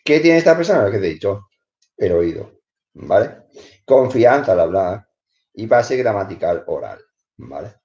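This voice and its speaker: A man's voice: lowish voice, sing-song, moderate pace, long pauses, darkish tone. A man with a Spanish accent teaching English in a live stream, reviewing a book, switching between English and Spanish and often checking in with "¿vale?". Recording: roomy, dull lo-fi stream audio.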